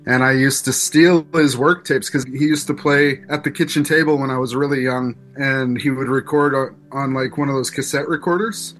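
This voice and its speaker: Reflective Canadian musician, faint music. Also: male voice, medium pitch, steady tone, normal speed, few pauses, a bit bright. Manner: reflective, thoughtful, with restarts. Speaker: musician guest. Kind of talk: interview conversation.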